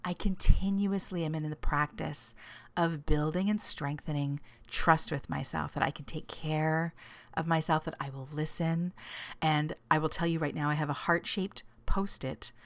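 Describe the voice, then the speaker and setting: A middle-aged woman with a notably low voice talks straight into a close, dry studio microphone. She coaches in a gentle, encouraging way and often checks in with the listener. She laughs easily and sometimes sinks into soft whispered asides. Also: fairly even intonation, normal speed, no room sound. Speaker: self-love coach and podcast host. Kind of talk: casual reflective monologue.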